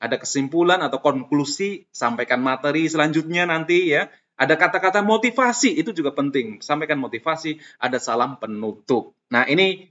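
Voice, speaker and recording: A man's voice: a little high, brisk, fairly bright tone. A man giving a casual, chatty tutorial to teachers, explaining step by step with lots of fillers. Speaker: teacher trainer. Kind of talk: casual screen-recorded tutorial. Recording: dull lo-fi sound.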